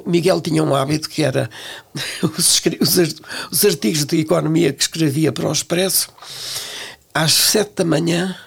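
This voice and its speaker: A woman's voice: low-pitched, moderate pace, creaky, husky. An older woman with a European Portuguese accent, talking as an interview guest in a reflective, hesitant way, often restarting her words. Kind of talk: relaxed interview conversation.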